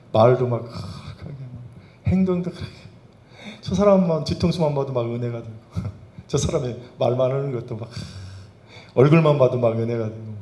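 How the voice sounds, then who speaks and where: A man's voice: medium pitch, dark tone. A man preaching a sermon, pressing his points with rhetorical questions to the congregation. His voice sits in a middle register. The reverb of a roomy church hangs around every word. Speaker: pastor. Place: church sanctuary.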